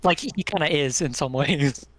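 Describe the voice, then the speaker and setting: Eager, slightly high-voiced man explaining. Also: normal speed, dry recording. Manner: enthusiastic explaining, filler-heavy. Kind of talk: casual chat.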